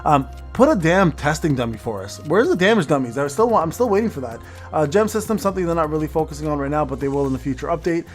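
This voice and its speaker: Male gaming creator, quick rambling delivery with stumbles and repeats, casual update commentary, faint music behind. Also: on the high side, lively intonation. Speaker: gaming content creator hosting an update video. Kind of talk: casual news rundown commentary.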